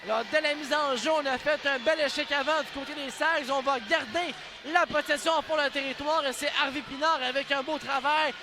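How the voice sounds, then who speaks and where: Calling ice hockey a little fast, a man with a very high-pitched voice and a Quebec French accent gives urgent, excited play-by-play that bursts into shouts on shots and goals, over a loud backdrop of cheering crowd and arena music.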